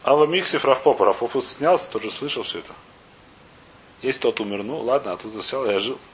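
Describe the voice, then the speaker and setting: A man leading an informal religious text class, reading aloud and then explaining, often halting to search for words and asking himself questions. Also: mid-range voice. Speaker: teacher of a Talmud class. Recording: clear background hiss and noise.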